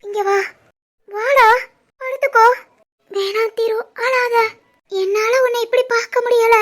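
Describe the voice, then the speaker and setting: A woman voicing a caring young wife who comforts her husband, in an animated family drama, with a Tirunelveli Tamil accent. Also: very high voice, unhurried. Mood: tender. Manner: soothing, coaxing.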